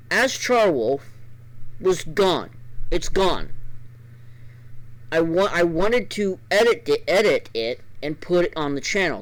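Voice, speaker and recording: A man streamer telling a casual story before a let's play, rambling with restarts, his voice a bit gravelly. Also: on the high side, low-quality recording. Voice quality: normally gravelly voice.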